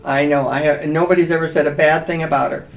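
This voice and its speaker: A woman's voice: deep voice, fairly even intonation, fast, creaky. An older woman co-hosting a casual interview chat in a senior community. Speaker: podcast co-host, senior community resident. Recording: roomy echo, distant from mic.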